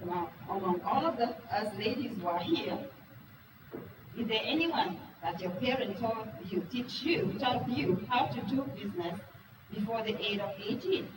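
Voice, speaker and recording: Fairly high-pitched and animated, her voice moves at normal speed. At a business talk in a meeting room, this Wolof-speaking woman frankly and earnestly asks her live audience questions, recorded from a distance in an echoey, noisy room.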